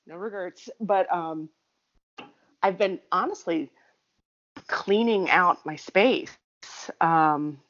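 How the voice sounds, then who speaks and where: A woman's voice: mid-range voice, muffled recording. A woman co-hosting a casual chat, telling long rambling stories and laughing often.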